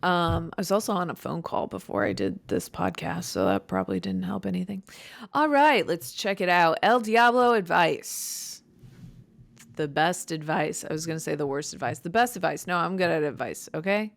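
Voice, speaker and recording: A young woman from Chicago hosting her own podcast in casual, blunt, joking chat, with vocal fry and a dry voice. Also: lowish voice, sing-song, fairly quick, dry recording. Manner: blunt, joking, swears freely. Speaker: podcast host.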